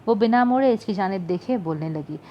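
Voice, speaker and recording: A woman reading a novel aloud as an audiobook narrator, in calm storytelling. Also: medium pitch, fairly quick, highs cut off, a little hiss or hum.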